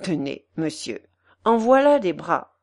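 A woman's voice: fairly low pitch, big pitch swings, slow pace. Woman playing a gushing, wheedling concierge. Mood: coaxing. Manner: effusive, wheedling and theatrical. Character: brash, gushing middle-aged woman concierge, coaxing and dramatic.

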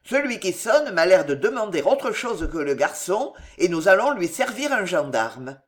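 A reader voicing a brisk male gendarme sergeant who barks curt orders in a storybook reading. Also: sits high, sing-song. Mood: commanding.

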